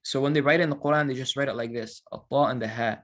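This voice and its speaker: Man, recitation teacher, casual classroom talk, mid-pitched voice, drawn-out chanted examples. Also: fairly even intonation. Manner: explains slowly, models drawn-out recited syllables.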